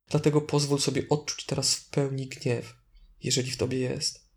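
A man leading a guided meditation as instructor, speaking in a calm, deliberate way with gentle prompts. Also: mid-range voice.

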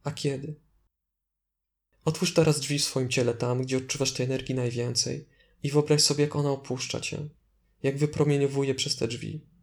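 Calm guy doing guided meditation, flat steady voice, medium pitch, gently telling you what to do. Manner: calm, deliberate, instructing with gentle prompts.

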